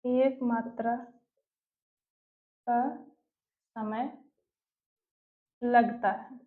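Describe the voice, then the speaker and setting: A woman teacher giving an online class, slowly putting questions and answering them herself, and dictating notes word by word. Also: fairly high pitch, flat delivery. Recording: echoey room, tinny phone-like sound.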